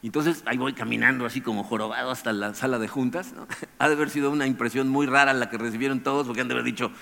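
A man tells a personal story at a quick clip, his voice in a middle register. He is animated and keeps tagging phrases with "¿no?". The sound has a long reverb tail, as if he speaks in a large hall. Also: medium pitch, gravelly. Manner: animated, tags phrases with "¿no?", chuckles often. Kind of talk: anecdotal storytelling to an audience.

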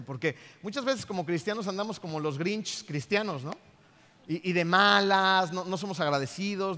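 This is a pastor preaching a sermon with lots of energy, checking in with the congregation again and again through rhetorical questions. His voice sits fairly high for a man, and the long reverb of a church hall hangs behind him. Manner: animated, asks the congregation many rhetorical questions.

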